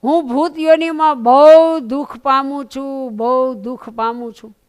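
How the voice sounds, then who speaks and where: A woman's voice: high-pitched, fairly even intonation, a little slow, a little mellow. A woman voicing a grieving widowed village woman who pleads tearfully in prayer. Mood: pleading.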